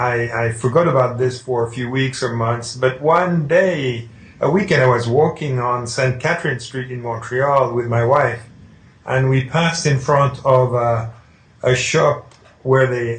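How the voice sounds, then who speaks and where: Middle-aged guy from switzerland, painter, chatty but halting, echoey room, mid voice. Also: mid-range voice. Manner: hesitant, with restarts, recounting calmly. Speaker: painter, interview guest. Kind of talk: conversational interview.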